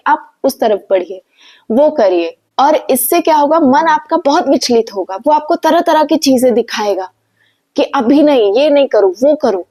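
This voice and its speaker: Woman, spiritual speaker, earnest and instructive, slightly high voice. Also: a little mellow. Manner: earnest, instructive, asks rhetorical questions. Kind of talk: devotional motivational talk.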